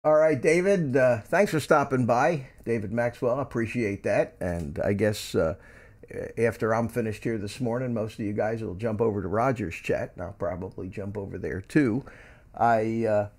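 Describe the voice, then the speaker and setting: The host's voice is lowish and darkish, moving at a normal pace. He's a man in his seventies from Philadelphia running an easygoing morning livestream, where he rambles, restarts and ums his way through reading and replying to chat.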